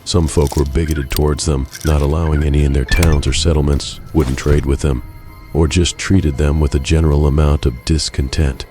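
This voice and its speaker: A man narrating a game playthrough as a first-person story in a measured, even way. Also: extremely low pitch, music in the background.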